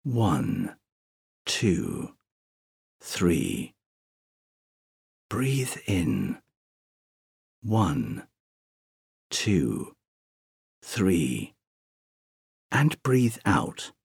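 A man with a low, gravelly, slightly husky voice guides a sleep meditation at an extremely slow pace, counting breaths with long pauses. His pitch rises and falls widely across each soothing phrase. The recording is close and dry. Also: huge pitch swings, no room sound.

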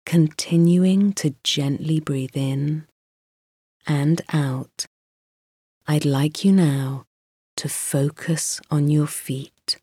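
Woman meditation guide, low and warm, breathy softness, dry close voice-over. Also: fairly even intonation, dry recording. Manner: slow, soft and soothing, with pauses.

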